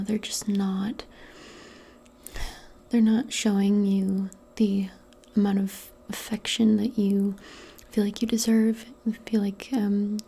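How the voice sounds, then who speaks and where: In a soft-spoken ASMR roleplay, a woman with a mid-range voice talks mostly in a breathy whisper. Her manner is gentle, reassuring and somewhat hesitant.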